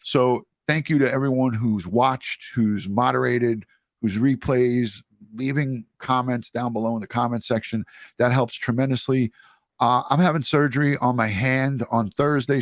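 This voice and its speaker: A man talking casually and appreciatively as a livestream host, in a halting way with pauses. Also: medium pitch, no echo. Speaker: true crime livestream host. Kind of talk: casual livestream talk and sign-off.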